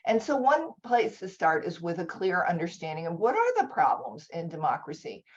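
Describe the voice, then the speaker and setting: A woman's voice: fairly low pitch, wildly swooping pitch, highs cut off. Enthusiastic woman presenting on a video call. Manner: enthusiastic, informal, speaks in quick bursts. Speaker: session presenter. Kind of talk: conference talk over video call.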